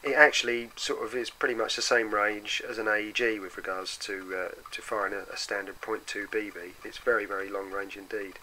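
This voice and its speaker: A man with a gravelly voice, roughened by a bad cold and sore throat, giving a casual, explanatory hands-on product review. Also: steady tone, a little fast, few pauses, sharp tone, a little hiss or hum, poor audio. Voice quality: gravelly, deeper than usual from a cold. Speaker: product reviewer for an airsoft custom shop.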